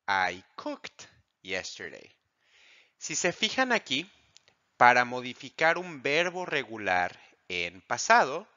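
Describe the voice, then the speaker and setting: A man teaching an English grammar lesson, explaining slowly and asking the class questions that he then answers himself. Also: mid-range voice, bright, forceful tone. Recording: dull lo-fi audio.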